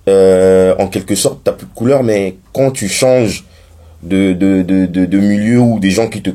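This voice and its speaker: A man who runs his own business, talking in a relaxed panel discussion, hesitant and full of restarts as he pushes back on the others. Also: deep voice, unhurried. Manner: hesitant, many restarts, dissenting. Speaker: entrepreneur.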